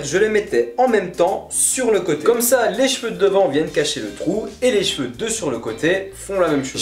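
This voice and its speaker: Male vlog host, self-mocking scripted narration, medium pitch, light music behind, reverberant room. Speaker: video host.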